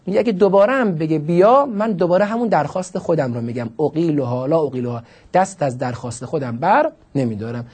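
A man's voice: fairly high pitch, lively intonation, darkish tone, breathy edge. A man teaching Arabic grammar in a classroom lecture, explaining the text line by line with questions and emphatic stresses.

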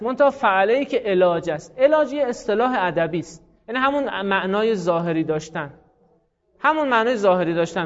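A teacher of Arabic grammar lectures his class step by step, putting questions to his students. His voice sits high, and the recording sounds muffled.

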